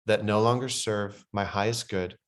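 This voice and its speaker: Slow, soothing breathwork instructions come from a man whose speech grows softer and quieter when he reaches the relaxation parts. He speaks on the low side in a steady tone.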